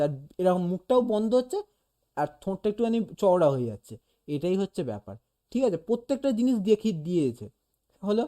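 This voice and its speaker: Patient tutor, dark mellow tone, talks a student through a lesson and sounds out examples. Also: mid-range voice. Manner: explains patiently, demonstrates sounds aloud, keeps checking "okay?". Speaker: animation teacher. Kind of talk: casual one-on-one lesson.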